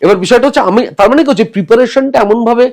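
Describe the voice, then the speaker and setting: His pitch is extremely high and his delivery rapid-fire. In this podcast conversation, a theatre director animatedly describes his rehearsal methods, blending in English terms and dramatizing the dialogue he quotes.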